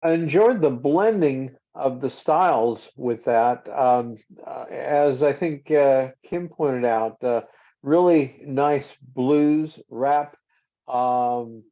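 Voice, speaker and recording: A man giving feedback on a podcast call, halting with many "um" and "uh" pauses. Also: mid-range voice, mellow. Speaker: guest musician. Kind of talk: casual video-call feedback. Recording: dull lo-fi call audio.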